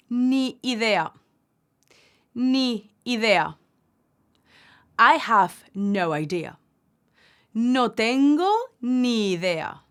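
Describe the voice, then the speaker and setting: Slow, lively-voiced woman teaching phrases. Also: on the high side. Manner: slow, carefully enunciated repetition of phrases. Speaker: Spanish teacher. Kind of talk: language lesson drills.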